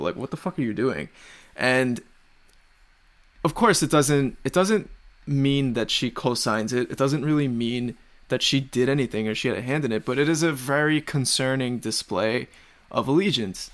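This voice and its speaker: A man's voice: mid-range voice, fairly bright tone. A man co-hosting a podcast, talking politics in a heated, profane way with frequent restarts. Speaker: podcast co-host. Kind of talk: casual political talk.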